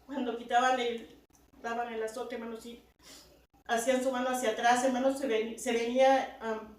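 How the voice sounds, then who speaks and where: Preaching to her congregation, a woman from Latin America keeps addressing her listeners with "hermanos" and "verdad," building again and again to emphatic peaks. Her somewhat high voice is flat and moderately paced. She sounds far from the microphone in a very echoey church hall, with faint noise underneath.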